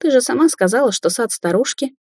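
A woman's voice: on the high side, animated, brisk, a little mellow, breathy edge, no room sound, clean studio sound, pitched above the performer's own voice. A woman voicing a frightened, wary young woman in an audiobook, tense and cautious, crying out when hurt.

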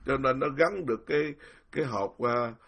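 Gravelly older monk, Southern Vietnamese accent. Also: male voice, medium pitch, moderate pace, a bit bright. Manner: indignant, rambling, repeats words, laughs. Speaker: Buddhist monk. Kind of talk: casual spoken dharma talk.

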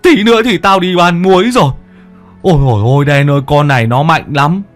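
A man's voice: a little high, lively intonation, normal speed, fairly bright tone, soft background music, pitched above the performer's own voice. Man doing a whiny, cheeky young sidekick. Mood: whining. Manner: whiny, stammering, chatty.

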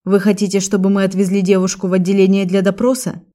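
A woman's voice: medium pitch, completely flat delivery, fast talker, warm tone, close to an everyday voice. A woman voicing a male police officer who speaks in a formal, matter-of-fact way.

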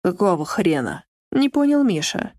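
A big, hot-tempered young man speaks in short, gruff, blunt lines, as a woman reads him in an audiobook. The voice sits lower than her narration. The sound is dry and close, with no room around it. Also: very animated, moderate pace, darkish tone, dry recording. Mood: puzzled. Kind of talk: audiobook character voice.

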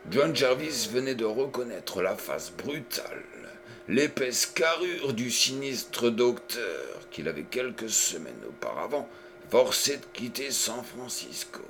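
A man reading a novel aloud as an audiobook, with a measured, dramatic delivery. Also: mid-range voice, very animated, fairly bright tone, slight background noise. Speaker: audiobook reader. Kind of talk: scripted narration.

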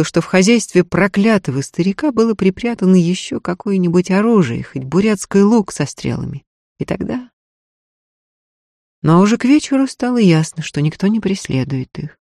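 A woman narrating an audiobook in a steady storytelling voice. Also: fairly low pitch, no echo, studio quality. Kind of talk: scripted narration.

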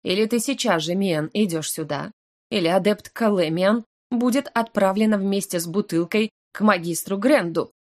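A woman's voice: mid-range voice, big pitch swings, measured pace, few pauses, a little mellow, no echo, clean studio sound. Audiobook: commanding, growling incubus man, a woman reader puts him on. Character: stern commanding incubus dean, male.

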